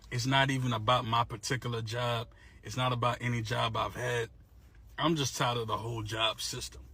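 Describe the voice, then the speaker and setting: A man's voice: mid-range voice, bright, forceful tone, slightly rough. A man ranting to camera in a casual, weary way, full of slang and repeating that he is tired. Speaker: vlogger. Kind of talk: emotional rant to camera.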